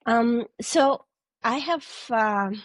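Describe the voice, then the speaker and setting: A young Polish woman, a triathlete guesting on a podcast, answers a casual interview in English very slowly, hesitating, searching for words, restarting often and laughing lightly. Her voice is a little high, with no room sound.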